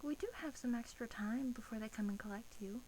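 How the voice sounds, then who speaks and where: A woman plays a bored, teasing vampire guard in a soft-spoken ASMR roleplay, her voice a little high and lightly acted. She coaxes in hesitant, drawn-out phrases that carry an undertone of menace. Faint hiss lingers in the background.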